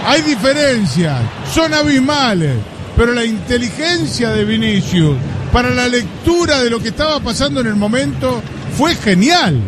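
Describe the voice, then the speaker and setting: A man's voice: extremely high pitch, sing-song, moderate pace. A man with a Uruguayan accent giving impassioned live radio match analysis, emphatic and repeating phrases for effect. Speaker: football pundit. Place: live match broadcast, crowd behind. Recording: noisy radio broadcast with stadium crowd.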